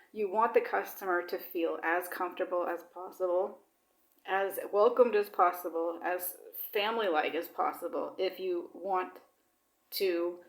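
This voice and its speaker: In an echoey room with poor audio, a woman with a lowish voice vlogs in a chatty, rambling way. Her casual personal talk is packed with fillers and now and then includes Swedish words among the English.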